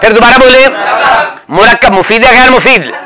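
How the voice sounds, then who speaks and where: A man teaching a classroom grammar lesson, drilling his students with rapid questions and calling out answers. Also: extremely high pitch, a loud crowd, low-quality recording. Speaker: religious teacher.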